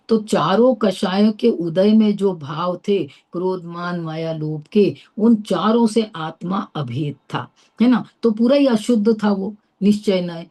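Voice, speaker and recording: A woman's voice: lowish voice, warm tone. A middle-aged woman from India teaching a philosophy class, explaining step by step and checking often that her listeners follow. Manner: explains patiently with rhetorical checks.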